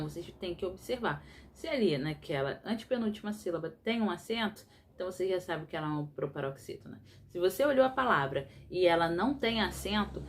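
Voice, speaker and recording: A woman, a primary school teacher explaining a lesson to young pupils slowly and patiently, often checking that they follow. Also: mid-range voice, slight background noise. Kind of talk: recorded remote class explanation.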